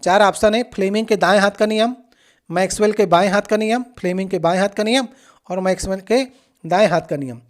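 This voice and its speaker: A coaching teacher works through previous exam questions in a steady, explanatory way. The teacher speaks directly to the students and keeps checking in with a quick "okay" before moving on. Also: medium pitch.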